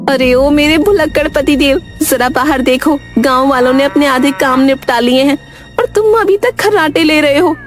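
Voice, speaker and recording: A woman voicing a sharp-tongued, nagging village wife in a cartoon. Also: high-pitched, normal speed, lightly acted. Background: background music.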